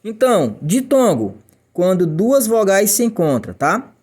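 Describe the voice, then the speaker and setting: A man's voice: high voice, sing-song, unhurried, background noise. A Brazilian man teaching a grammar lesson in a chatty way, checking in with the class and answering imagined student questions.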